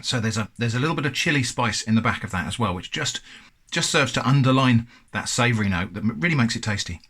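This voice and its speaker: English male host, casual food-review chat, thoughtful, mid-pitched. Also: lively intonation, quick pace, fairly bright tone, breathy edge. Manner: chatty, thoughtful, self-deprecating.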